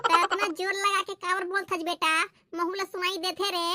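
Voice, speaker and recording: A voice actor playing a deaf, muddled grandfather in his eighties with a Chhattisgarhi accent, who mishears everything and talks slowly. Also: very high voice, little pitch movement, heavy background noise. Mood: doddering. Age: 80s. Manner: mishears everything, slow, doddering. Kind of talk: cartoon comedy voice acting. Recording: loud background music.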